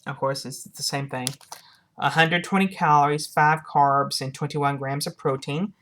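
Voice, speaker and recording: This woman has a low, slightly bright voice and fairly even intonation as she walks her viewers through a casual product review. She stops and starts, repeating and rewording phrases, against slight background noise.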